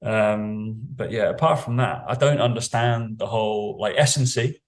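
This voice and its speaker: A man's voice: fairly low pitch, normal speed. A British man, a fitness coach, chatting casually on a podcast in a blunt, sweary, rambling way.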